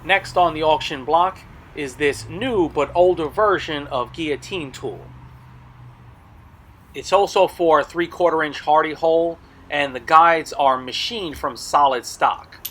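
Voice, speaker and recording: A man's voice: fairly high pitch, measured pace, fairly bright tone. A man narrating a product showcase as a video host, explaining details in a matter-of-fact way. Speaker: blacksmith video host selling tools.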